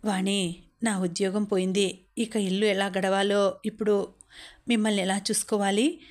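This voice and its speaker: A worried, short-tempered husband who has lost his job, as a woman narrator puts him on. He talks in a hurt, reproachful way with a flat, level pitch and a middle-range voice, in an audiobook story. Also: normal speed, natural voice. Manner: agitated, reproachful.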